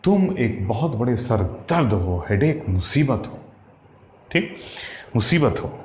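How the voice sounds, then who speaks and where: A man's voice: mid-range voice, sing-song, slow, darkish tone, a little hiss or hum. A man teaching exam vocabulary, who spells out words letter by letter and keeps checking in with his students. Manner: addresses students as "साथियों" and "भैया". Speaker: English teacher. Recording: echoey room with faint ambience.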